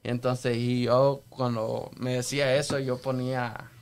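A man with a gravelly edge to his voice tells his story on a church podcast. He speaks haltingly and earnestly, restarting his sentences often. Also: medium pitch, level tone. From El Salvador. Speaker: podcast guest sharing testimony. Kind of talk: casual church podcast talk.

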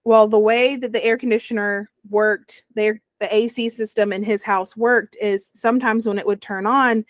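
A woman's voice: mid-range voice, moderate pace, dry recording. Young woman telling her story. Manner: animated, acts out quoted voices. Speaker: guest sharing her story. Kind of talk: casual storytelling interview.

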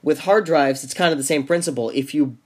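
A man's voice: on the high side, a little fast, darkish tone. Rambling young man on a casual podcast. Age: young adult. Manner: rambling with many restarts and fillers. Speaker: podcast co-host. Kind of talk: casual chat.

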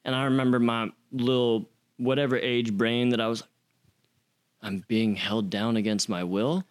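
A man's voice: medium pitch, fairly even intonation, moderate pace, clean tone. A young man casually telling a story as an interview guest, acting out quotes with slang and swearing.

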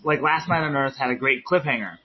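A man hosting a casual podcast chat about comic books, excitable and informal, readily agreeing. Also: medium pitch, fairly quick, muffled recording.

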